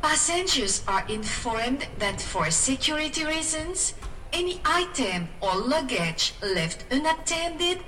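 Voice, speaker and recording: A woman's voice: sits high, very animated, pitched above the performer's own voice, exaggerated voice. A woman imitating a formal female announcer over a station PA system. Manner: slow formal announcer cadence. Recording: distant loudspeaker with faint noise.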